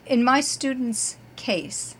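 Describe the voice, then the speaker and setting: A woman guitar teacher hosting her own podcast, talking in a chatty, upbeat way and warmly stressing her praise for students. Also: on the high side, lively intonation, slow pace, slight background noise. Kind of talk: casual scripted podcast segments.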